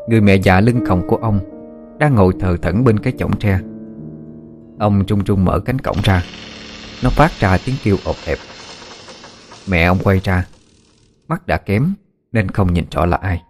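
A man narrates a story with a steady, measured delivery. His voice sits on the low side. Soft music plays quietly underneath. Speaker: audiobook narrator. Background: soft background music.

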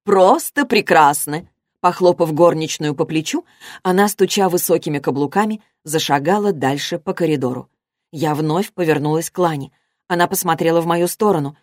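A woman with a lowish voice narrates a novel at a measured, steady pace. Her telling is even and composed. The recording is close and completely dry. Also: dry recording. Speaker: audiobook narrator. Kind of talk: scripted narration.

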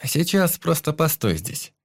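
A man's voice: on the high side, sing-song, unhurried, creaky, no echo, clean studio sound, voice pushed up, full character voice. A man putting on a cheery coaxing doctor. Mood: cheerful.

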